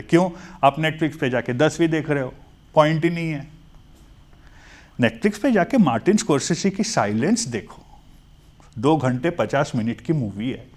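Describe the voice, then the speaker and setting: A male teacher with an Indian accent gives a chatty, jokey classroom lecture in a classroom, switching between Hindi and English and slowing down to dictate English phrases. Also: fairly high pitch.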